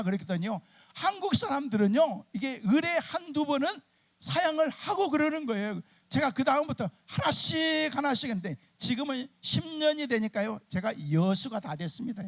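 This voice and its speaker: A middle-aged male pastor preaching at a church revival meeting. His voice sits very high for a man and has a gravelly, creaky grain. He talks in a chatty, animated way and acts out the people in his stories. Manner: chatty and animated, acting out church members' lines. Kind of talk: humorous storytelling sermon.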